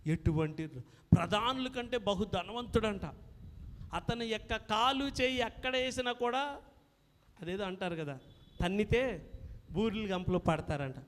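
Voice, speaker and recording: A male pastor preaching an impassioned sermon that swells to loud peaks. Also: high-pitched, unhurried, long pauses, a little hiss or hum. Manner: impassioned, rising to loud peaks, calls for amens. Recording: long reverb of a hall.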